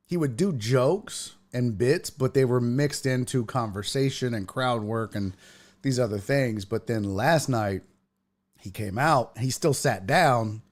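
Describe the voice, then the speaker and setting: A fifty-something man hosting a casual podcast, rambling through his stories and restarting his sentences as he goes. His voice sits at an ordinary middle pitch for a man. He sounds loose and conversational, talking like a working comic. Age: 50s. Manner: rambling storyteller, repeats himself, frequent verbal restarts. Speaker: podcast host and stand-up comic. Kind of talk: casual chat.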